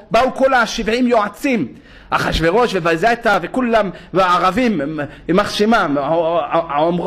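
A rabbi giving a humorous sermon in a synagogue, animated and full of jokes and impressions. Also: male voice, high voice.

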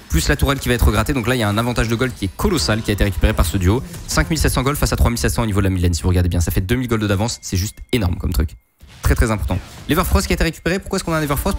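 Fast-talking man breaking down a game replay. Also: medium pitch. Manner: fast, lively explanatory gamer slang. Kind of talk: esports replay commentary. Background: background music.

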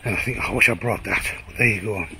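A man's voice: fairly low pitch, very fast, creaky. Breathless Teesside man vlogging outdoors. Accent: Teesside English. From Teesside, England. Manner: chatty, self-deprecating, rambling asides. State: out of breath from hiking. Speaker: photographer vlogger. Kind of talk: casual walking vlog. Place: outdoors on a windy highland lochside trail. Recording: wind noise outdoors.

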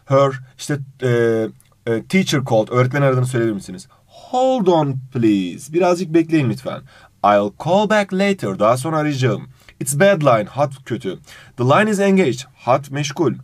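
Animated male English teacher. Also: medium pitch, moderate pace, dry recording, clean studio sound. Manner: reads English phrases, then translates them, addressing the student fondly; animated intonation. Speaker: English teacher for exam prep. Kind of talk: exam review lesson.

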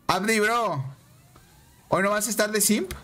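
A Mexican man streaming a game, chatting excitably with viewers and repeating himself. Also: high-pitched, measured pace. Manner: excitable, repeats phrases, banters with chat. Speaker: gaming streamer. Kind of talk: casual live-stream chat over gameplay.

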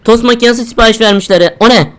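A woman's voice: a little high, very fast. A young woman giving jumpy, exclaiming commentary on a horror game, talking to herself as she plays. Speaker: game streamer.

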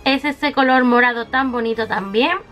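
A high-voiced woman from walks her viewers through a makeup haul, chatty and affectionate, piling on little diminutives as she shows each item. Faint music plays softly behind her. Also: normal speed. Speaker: beauty vlogger.

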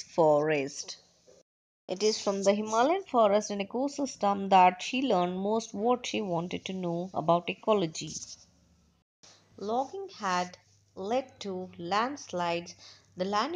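A woman's voice: medium pitch, low-quality recording. A young woman teaching a textbook lesson, reading and explaining it in short phrases.

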